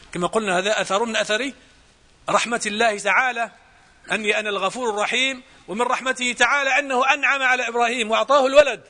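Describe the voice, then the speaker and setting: A man with a Moroccan accent teaching a Quran exegesis lesson, explaining point by point, repeating phrases and slowing into measured recitation when quoting verses. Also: very high-pitched, pushed and bright.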